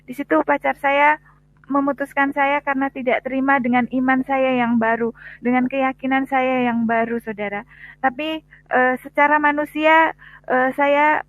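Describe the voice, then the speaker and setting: A young woman giving a personal faith testimony, pausing often with "eh" and repeatedly addressing her listeners. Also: high-pitched, fairly even intonation, dry recording, narrow, tinny audio. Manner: addresses listeners as "saudara" often, hesitant with frequent "eh". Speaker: testimony speaker.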